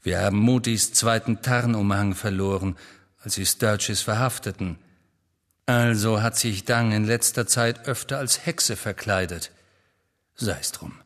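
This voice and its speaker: A man voicing a wry, teasing grown man wizard who talks in an unhurried way, in a German audiobook. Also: on the low side, a bit bright, in a large hall. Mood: explaining.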